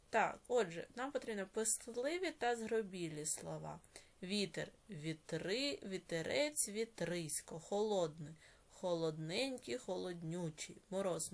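Female teacher with a Ukrainian accent for a recorded lesson; slow, measured delivery breaking words into parts. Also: on the low side, gravelly. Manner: slow, deliberate, spelling out word parts. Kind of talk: recorded video lesson dictation.

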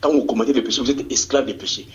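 Speaking very fast in a mid-range voice, this Congolese political activist gives a stirring, impassioned interview, tripping over and repeating his words frequently. He is part of the DR Congo diaspora in Australia, captured on a dull, lo-fi TV recording.

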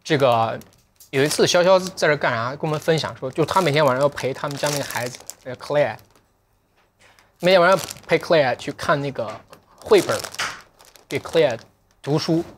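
A man hosting a livestream, chatting casually in a reflective, joking way, sometimes switching to slow, careful English. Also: a little high, a little hiss or hum. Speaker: livestream sales host.

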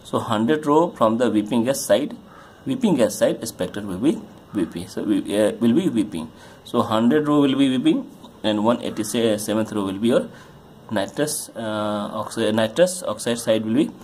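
A man tutoring chemistry, working through a solved problem in a halting way with many fillers while pointing at a diagram. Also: medium pitch, animated, a little mellow, a little hiss or hum. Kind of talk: explaining a solved problem on a board.

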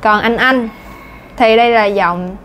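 A woman teaching English pronunciation speaks with a Southern Vietnamese accent, her voice a little high, fairly bright, and a little slow. The lesson talk is casual and chatty, filled with fillers and small laughs, over slight background noise.

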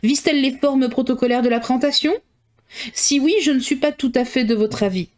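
A woman's voice: high voice, darkish tone, pitched above the performer's own voice, natural voice. A woman reading as a dry, teasing father. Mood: wry. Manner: slow, ironic and mocking. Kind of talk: reading a novel aloud.

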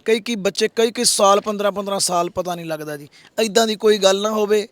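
Social worker, earnest and pleading, fairly high voice, dry close sound. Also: male voice, brisk, a bit bright, no room sound. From Punjab, India. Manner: earnest, pleading, repeats please. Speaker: social worker, host of an appeal video. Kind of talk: public appeal to viewers.

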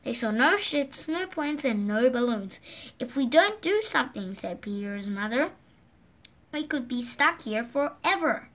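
A woman reading a children's picture book aloud at a gentle, unhurried pace, filmed indoors over the pages on a table, lifting her voice for the characters' lines. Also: a little high, lively intonation. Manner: slow, gentle read-aloud pacing with lifted voices for quoted lines. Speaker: storybook reader. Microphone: phone or camera filming the book from above.

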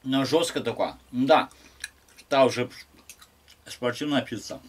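A man's voice: medium pitch, a little slow, a little hiss or hum. Young male mukbang host, chewing while talking, mumbly casual chat, mid-range voice. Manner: mumbling, muffled and quiet between bites. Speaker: mukbang vlogger. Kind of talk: casual eating vlog chat.

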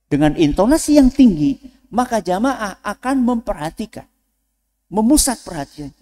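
A man preaching to students in a lively way, asking the audience questions and then answering them himself. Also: sits high. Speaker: Islamic preacher. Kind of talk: lecture to students. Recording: long hall reverb.

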